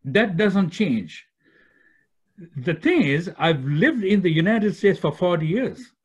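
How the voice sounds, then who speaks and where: Older man, husky voice over a call. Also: high voice, expressive, slow. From Sri Lanka. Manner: thoughtful, repeats words while searching for phrasing, gestures with hands. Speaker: guest, executive director of a peacemaking institute. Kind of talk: conversational interview on a video call. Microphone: computer microphone on a video call. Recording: dull lo-fi video call audio.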